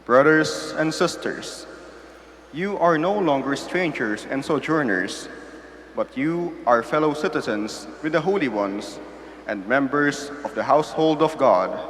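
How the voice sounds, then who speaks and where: A man's voice: on the high side, animated, unhurried, a bit bright. A man reading scripture formally as a lector at Mass, in cathedral echo. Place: large echoing church. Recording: cathedral echo, faint background noise.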